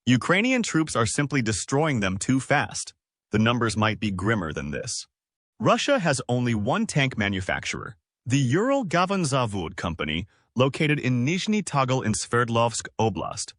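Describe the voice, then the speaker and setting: Guy narrating a military doc, pitch moves around a lot, dry close mic. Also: fairly bright tone, dry recording. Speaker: documentary narrator. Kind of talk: scripted narration.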